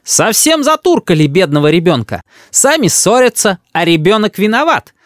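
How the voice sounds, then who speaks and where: A man voicing a fussy, doting old grandmother who scolds and exclaims in a high voice. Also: sing-song, moderate pace, dry recording, clean studio sound. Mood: scolding.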